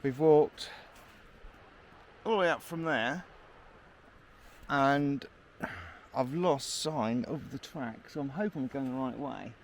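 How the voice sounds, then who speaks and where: A man's voice: mid-range voice, slow, pauses often, a little hiss or hum. A man vlogging on a mountain trail, chatting to a handheld camera as he walks and a little out of breath. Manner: chatty, talks to the camera while hiking. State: a bit out of breath. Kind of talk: casual walking commentary.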